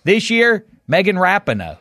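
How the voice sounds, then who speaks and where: A man hosting casual sports talk, with halting, searching phrasing. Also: high-pitched, wildly swooping pitch, sharp tone, no room sound, clean studio sound. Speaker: sports talk show host.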